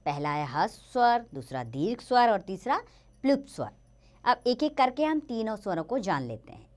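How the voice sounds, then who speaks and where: Woman teacher, children's grammar lesson, animated pitch, patient and clear. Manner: clear, patient explaining, drawn-out example words.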